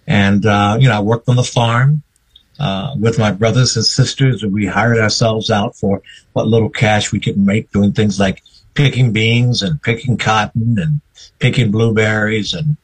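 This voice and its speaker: Husky older man reminiscing. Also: lowish voice, fairly even intonation, poor audio. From North Carolina, US. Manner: slow, reflective storytelling. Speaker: guest, veteran newsman. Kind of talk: radio interview.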